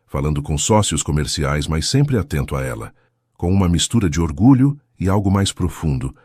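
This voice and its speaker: A man narrating a scripted romance story in a measured, dramatic way. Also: extremely low pitch, darkish tone, husky, dry recording, studio quality.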